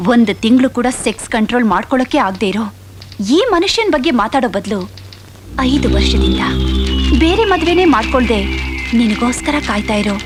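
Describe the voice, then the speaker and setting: A woman's voice: on the high side, lively intonation, a little fast, over music, natural voice. An actress playing Jaya, a frank, worldly woman who lectures her friend bluntly in a 1990s film drama. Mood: lecturing. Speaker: film character.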